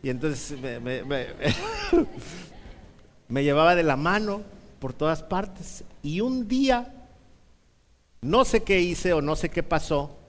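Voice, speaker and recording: A man's voice: fairly high pitch, expressive, measured pace, fairly bright tone. A man preaching a sermon, telling a childhood story with humor and rhetorical questions. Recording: reverberant hall.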